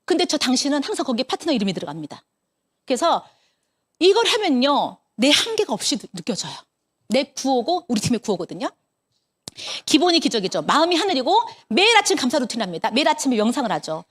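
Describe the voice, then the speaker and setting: A woman's voice: high voice, fast, breathy edge. A woman in her fifties giving a motivational talk as a business leader, telling stories and acting out the dialogue, with a Busan-area accent. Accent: Korean, Busan area. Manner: animated storyteller acting out dialogue. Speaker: network marketing business leader.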